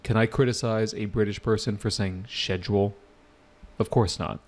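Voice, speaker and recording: A man with a lowish voice leads a live online IELTS class. He keeps it casual and checks in with students often. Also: fairly even intonation, a little fast, a little mellow. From United States. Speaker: IELTS tutor.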